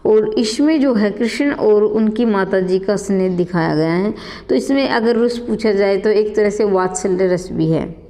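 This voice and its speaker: Here a coaching teacher walks her "children" through exam questions, repeating every question and answer out loud. Her medium-pitched voice is mellow and a touch slow, and it sounds like she's in a big room.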